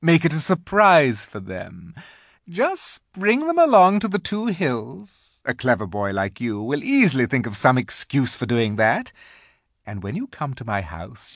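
A reader voicing an imperious, scheming witch queen from a children's storybook, sweet-talking in grand, drawn-out phrases. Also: mid-range voice, dry recording, clean studio sound, voice pushed up, exaggerated voice. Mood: conspiratorial, coaxing.

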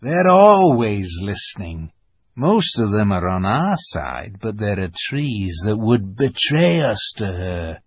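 Storybook beaver, voiced by a man: hoarse throaty whisper, nervous, secretive, husky and close. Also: lowish voice, big pitch swings, slow, dry recording, exaggerated voice. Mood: wary. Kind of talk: storybook reading.

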